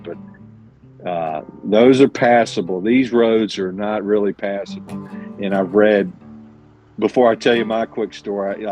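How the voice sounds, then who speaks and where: The owner-operator trucker, a guest being interviewed, has a darkish, low-leaning voice. He keeps things plain and sincere, often backing up to restart or correct himself as he answers.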